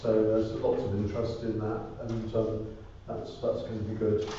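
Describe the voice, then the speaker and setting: A distant, strongly echoing recording of a man reporting at a council meeting. His delivery is flat and halting, with a mellow tone. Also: fairly low pitch. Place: indoor parish council meeting room. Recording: muffled, echoey room, distant mic, faint noise.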